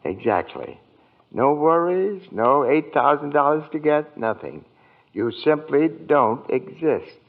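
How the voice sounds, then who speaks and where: A man playing a kindly, eccentric apprentice guardian angel in old-time radio drama, genteel, earnest and gently insistent. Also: a little high, very animated, slow, exaggerated voice. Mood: earnest, persuasive. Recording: tinny vintage radio broadcast.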